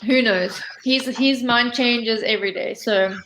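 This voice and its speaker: A woman with a South African accent works as an English tutor over a video call, chatting in a friendly way for casual conversation practice and asking lots of follow-up questions. Her voice is a little high and fairly bright, a little slow, and the rough recording carries some hiss or hum.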